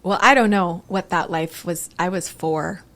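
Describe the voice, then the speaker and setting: Lively, laughing woman guest telling stories. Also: on the low side, measured pace. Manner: animated storyteller, laughs often, acts out quotes. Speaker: guest artist and author. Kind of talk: casual podcast chat.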